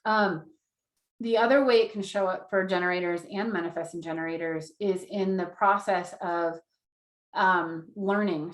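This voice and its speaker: A woman's voice: mid-range voice, reverberant. A woman in her thirties teaching an online class in an earnest, repetitive way and acting out inner voices as she explains. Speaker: Human Design teacher.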